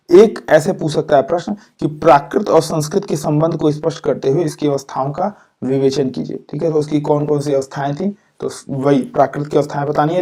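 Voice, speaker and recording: Steady, dark-voiced male teacher. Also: on the high side. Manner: repeats "ठीक है" after points, with fillers and restarts. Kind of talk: exam-prep lecture.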